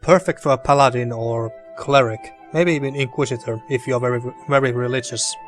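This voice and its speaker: This gaming video host has a mid-range voice and a dry throat, and he talks briskly over faint background music. He casually comments on the game while playing, relaxed and thinking aloud, with some mild swearing.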